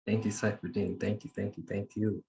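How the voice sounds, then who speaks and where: Brief: male meeting host on a video call, very low voice, steady and formal. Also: vocal fry, highs cut off, a little hiss or hum. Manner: measured, formal, reads prepared remarks. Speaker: youth council facilitator. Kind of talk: leading an online meeting.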